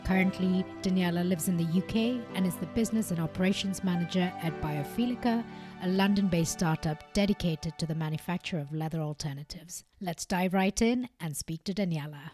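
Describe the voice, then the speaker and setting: A woman's voice: on the low side, a little fast. A woman hosting a textiles podcast, reading her intro and interview questions with an enthusiastic, upbeat manner. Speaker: podcast host. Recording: music bed behind the voice.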